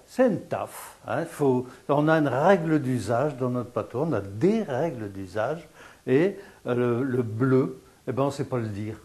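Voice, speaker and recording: A man's voice: mid-range voice, lively intonation, unhurried, darkish tone. A man teaching local dialect on television, explaining words, repeating them and asking and answering his own questions. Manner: didactic, repeats words, asks and answers himself.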